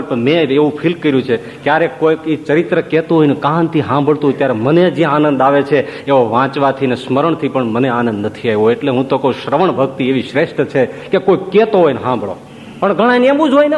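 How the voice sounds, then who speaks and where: A man telling devotional stories in a sermon, often asking his listeners questions. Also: fairly high pitch. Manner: storytelling with rhetorical questions. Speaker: preacher. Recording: long reverb, dull lo-fi sound, faint ambience.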